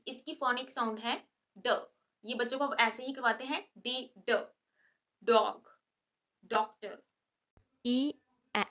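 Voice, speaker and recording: A woman teaching letter pronunciation, slowly stretching out example sounds as she explains. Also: on the high side. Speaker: English teacher. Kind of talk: Hindi-English lesson explanation.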